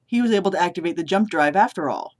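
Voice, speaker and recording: Reading a story scene aloud, a vlogger voices an older male military commander who is smug and manipulative, raising the delivery louder and more forcefully than their own talk for a smug, commanding mood. The voice is medium-pitched, expressive, and fast, close to an everyday voice.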